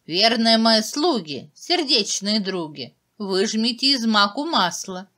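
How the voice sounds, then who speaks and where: A woman voicing a stern, grumpy old witch in a fairy tale, with a commanding, drawn-out delivery. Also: on the high side, big pitch swings, pushed and bright, exaggerated voice.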